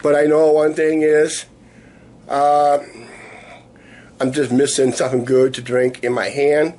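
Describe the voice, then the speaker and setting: A man in his fifties chatting casually to camera in a rambling, halting way, his voice weak and sore after illness. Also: a little high, little pitch movement, darkish tone. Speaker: vlogger. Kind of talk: casual video diary chat. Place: small living room, indoors. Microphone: camera at arm's length. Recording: noisy room ambience on camera mic.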